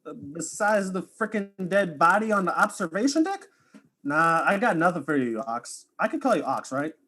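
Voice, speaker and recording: A man's voice: high voice, expressive, normal speed, bright, forceful tone, full character voice. An actor playing a laid-back young male video streamer in a student audio drama, talking in casual slang.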